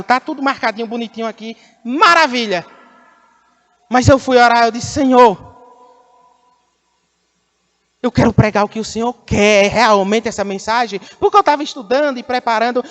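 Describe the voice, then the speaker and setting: High-voiced Brazilian pastor preaching in a hall. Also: male voice. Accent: Brazilian Portuguese. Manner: impassioned preaching, builds to shouts. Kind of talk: sermon.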